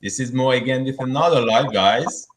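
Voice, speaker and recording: A man in his thirties hosting a live online interview, speaking haltingly with many fillers. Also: mid-range voice, slight background noise, low-quality recording. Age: 30s. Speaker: host.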